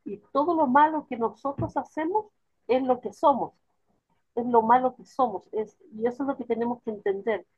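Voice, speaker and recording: A woman talks haltingly in a Bible study group, her voice a little high and husky. The sound is dry and narrow, like a phone call. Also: dry recording. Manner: hesitant, many fillers. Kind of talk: casual church group discussion.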